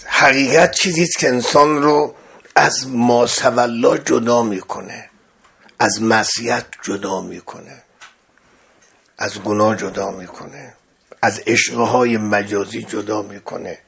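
A man preaching a religious sermon, telling a story and acting out the dialogue with sudden swings from loud to hushed. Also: medium pitch, steady tone. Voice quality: gravelly and husky. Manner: dramatic swings of loudness, acts out quoted dialogue.

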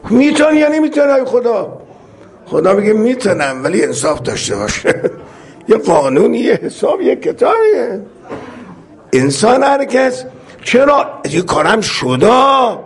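Man, very high-pitched, sermon, humorous storytelling, acts out characters. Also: big pitch swings. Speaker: preacher.

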